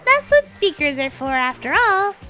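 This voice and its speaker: A woman's voice: very high voice, big pitch swings, moderate pace, sharp tone, soft background music, pitched above the performer's own voice, heavily acted. A woman voicing a gleefully sinister killing game announcer, mocking and singsong, toying with captives in a theatrical villain announcement. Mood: gleeful menace.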